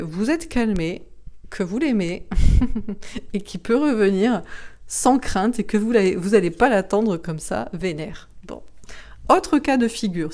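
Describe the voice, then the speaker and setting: A woman's voice: mid-range voice, a little mellow. Chatty woman giving a tarot reading. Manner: chatty and rambling, laughs often, uses slang. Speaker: tarot card reader. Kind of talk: casual astrology reading to camera.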